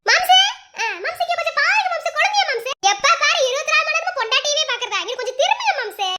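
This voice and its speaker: A woman's voice: very high voice, lively intonation, very noisy. A woman doing a cheeky, teasing sister-in-law. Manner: teasing, bickering, quick and giggly. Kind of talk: amateur cartoon voice acting.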